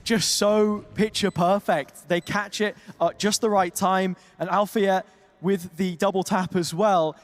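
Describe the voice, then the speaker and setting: A man casting a competitive video game match with fast, punchy play-by-play calls and colorful phrases. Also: high-pitched, steady tone. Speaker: esports caster. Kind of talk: play-by-play commentary.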